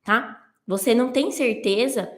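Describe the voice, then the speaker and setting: A woman's voice: on the high side, unhurried, fairly bright tone. Echoey woman coaching step by step. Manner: explains step by step with everyday examples; addresses listeners directly, asks and answers own questions. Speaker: marriage coach. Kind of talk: live-streamed coaching lesson.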